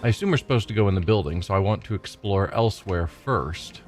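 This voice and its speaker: A fairly low, brisk, slightly mellow male voice belongs to a congested streamer giving casual let's-play commentary. He muses, chats and thinks aloud while playing, with game music behind him.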